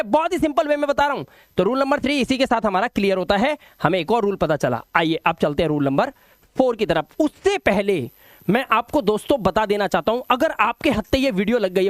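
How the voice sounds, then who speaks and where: A man teaching English pronunciation rules in an online lesson, emphatic and drilling each sound slowly by repetition. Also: high-pitched, no echo, studio quality.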